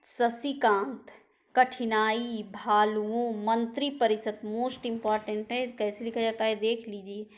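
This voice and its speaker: A woman teacher going slowly through word lists in an exam-prep lesson, pointing out common spelling mistakes. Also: fairly high pitch, fairly even intonation. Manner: slow, reads out word lists and corrects common misspellings.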